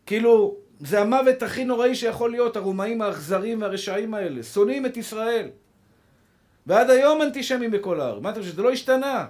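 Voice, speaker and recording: A man's voice: high-pitched, expressive, a little mellow. A man preaching a sermon as a rabbi, impassioned and repeating phrases for emphasis, calling his listeners brothers. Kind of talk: Torah sermon to a congregation.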